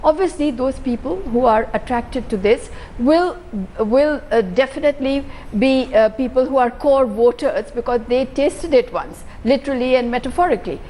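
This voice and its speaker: An Indian woman speaks as a panelist on a televised political debate. Her voice is a little high, and she talks hesitantly, stopping and restarting. A faint hum of noise sits behind her. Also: lively intonation, moderate pace, mellow. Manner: hesitant, many fillers and restarts. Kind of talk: debate commentary.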